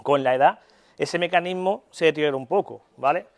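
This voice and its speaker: Speaking a little high and a little fast, a young Spanish neuropsychology lecturer teaches a university class in a relaxed, talkative style. He often asks "¿vale?" to check on his listeners and swears playfully, with a Spain Spanish accent.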